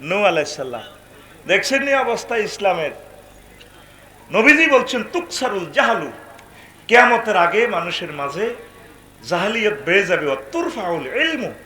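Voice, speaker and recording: Shouting animated preacher, echoey. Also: male voice, sits high. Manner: animated, shouting to the crowd, chanting Arabic. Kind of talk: sermon.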